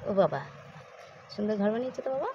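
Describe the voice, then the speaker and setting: A woman's voice: fairly high pitch, very animated, fast talker, darkish tone, muffled recording. A woman in her thirties, a vlogger and mother, chatting casually to viewers while going about her day at home. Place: rural home and courtyard on a hot day. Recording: outdoor ambience with passing vehicles. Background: traffic and ambient noise.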